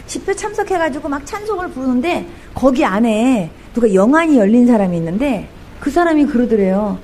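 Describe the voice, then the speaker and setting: Woman pastor, high and very animated, fervent testimony preaching. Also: slight background noise. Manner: animated storytelling, sings hymn snippets, fervent. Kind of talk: testimony sermon.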